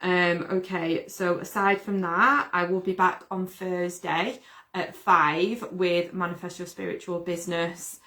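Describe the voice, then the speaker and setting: A woman's voice: lowish voice, unhurried. Young woman hosting a spiritual livestream. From United Kingdom. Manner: relaxed, fillers, promotional wrap-up. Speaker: livestream host. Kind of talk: casual livestream chat.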